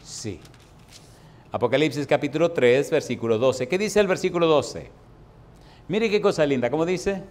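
A man preaching a sermon, asking the audience questions and reading verses slowly and emphatically. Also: fairly high pitch, animated, darkish tone. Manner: emphatic, asks the audience rhetorical questions, reads scripture slowly.

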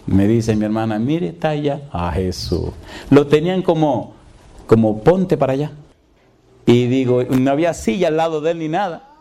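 A man's voice: medium pitch, animated, normal speed, dark tone. A middle-aged man, a pastor delivering an emphatic sermon. He asks the congregation rhetorical questions and acts out the dialogue of his story.

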